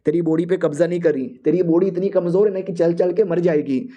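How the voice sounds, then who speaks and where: A man voicing a bossy, arrogant female spirit living in a sword, scolding in rough street slang. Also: high voice, steady tone, brisk, muffled recording, close to an everyday voice.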